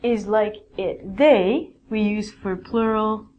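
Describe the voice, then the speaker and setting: A woman talks to camera as an English teacher, speaking at an unhurried, deliberate pace. She patiently explains each grammar rule and models example sentences for her viewers. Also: medium pitch, darkish tone, muffled recording, slight background noise. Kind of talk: online grammar lesson.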